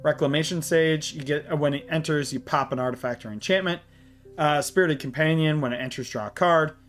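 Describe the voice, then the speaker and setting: A man hosting a card game channel, walking through a deck and reading card text aloud in a halting way, short of breath. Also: on the high side, a bit bright, faint music behind. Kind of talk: deck tech walkthrough.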